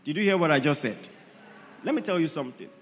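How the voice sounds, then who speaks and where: A man delivers an emphatic sermon in a high, lively voice that swoops as he presses his points. He keeps turning to the congregation with rhetorical questions. His voice rings with a long hall reverb over faint music. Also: fast, slight background noise. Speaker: preacher.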